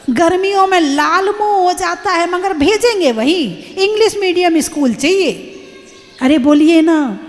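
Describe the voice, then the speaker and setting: A woman's voice: sits high, big-room sound. A woman, a Jain nun, giving an emphatic sermon and putting rhetorical questions to her audience.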